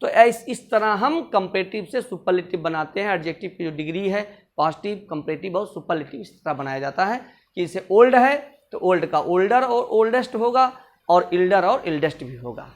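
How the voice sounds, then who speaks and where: A male teacher giving a classroom grammar lesson, repeating word forms slowly and drilling each point again and again. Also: high-pitched, expressive.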